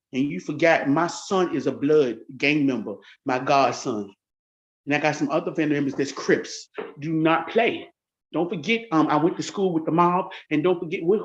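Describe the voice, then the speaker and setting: A woman in her forties who hosts a church livestream rants confrontationally straight to camera, taunting, boasting, and repeating herself. Her voice is on the low side and the audio sounds dull.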